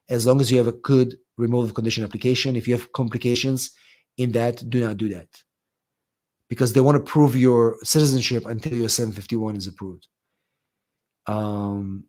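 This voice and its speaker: With a mid-range, dark voice that stays steady at a normal speed, this man pauses often while running a live question-and-answer stream as an immigration attorney. He reads out viewer questions and replies in a relaxed, chatty style, full of ums, fillers and false starts.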